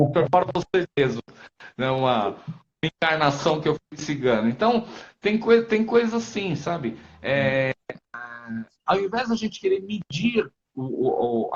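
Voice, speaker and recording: Lively Brazilian man telling stories. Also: fairly high pitch. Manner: lively storyteller acting out quotes, frequent tag questions. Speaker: Umbanda priest, guest. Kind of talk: live-stream conversation. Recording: dull lo-fi live-stream audio.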